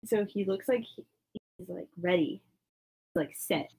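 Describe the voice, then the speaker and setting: Husky giggly young woman. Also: lowish voice, measured pace, a little mellow. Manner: giggly, teasing, blunt. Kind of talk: casual chat.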